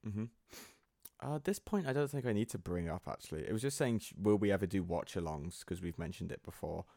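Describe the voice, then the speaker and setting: Male podcast co-host, deep voice, rambling casual delivery, dry studio sound. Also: expressive, fast, creaky, warm tone, dry recording. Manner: rambling, laughs easily. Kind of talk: casual chat.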